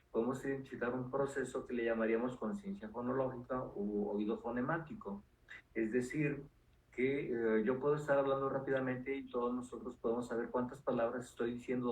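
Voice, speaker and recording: A man, a neuropsychologist guest calmly explaining ideas with frequent fillers. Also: medium pitch. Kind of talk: explanatory interview talk. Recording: roomy echo with faint noise.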